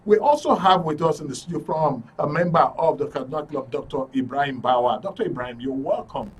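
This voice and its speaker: In a noisy broadcast studio with a distant mic, a man with a Nigerian accent presents a live current affairs talk show, informal and full of jokes. He hosts the programme on both radio and TV, and his voice is a little high and brisk.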